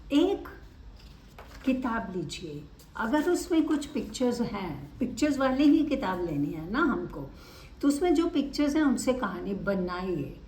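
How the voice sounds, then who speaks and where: A woman auditory-verbal therapist giving an instructional talk to parents, deliberate and expressive, stressing key words. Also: fairly high pitch, echoey room, distant mic.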